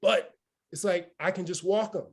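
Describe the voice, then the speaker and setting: With a high-sitting voice at normal speed, a roughly fifty-year-old man delivers an energetic morning motivational talk, regularly pausing to ask "right?"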